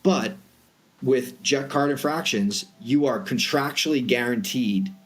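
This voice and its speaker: Faint music plays behind an unhurried, mid-range male voice with a Boston accent. The speaker, a private jet charter broker appearing as an interview guest, explains his industry with conversational emphasis.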